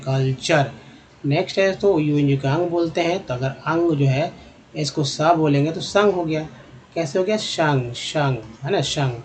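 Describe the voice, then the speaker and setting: A man's voice: on the high side, darkish tone, slight background noise. Man teaching English phonics, repetitive. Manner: repeats words slowly, addresses viewers as friends. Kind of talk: phonics lesson.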